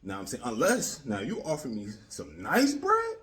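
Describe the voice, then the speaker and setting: Speaking at a moderate pace, this YouTube commentator has a medium-pitched, fairly bright voice that swings widely in pitch. He's an American man offering relaxed, opinionated remarks in streetwise slang, driving points home by repeating them and often asking if you're with him.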